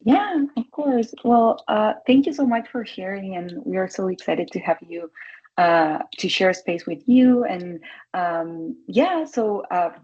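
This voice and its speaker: A woman's voice: mid-range voice, animated, unhurried, darkish tone. A woman from Argentina, speaking, gives a webinar presentation as an education researcher. She talks hesitantly, with frequent "uh" and repeated words. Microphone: video call. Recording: dull lo-fi video call audio.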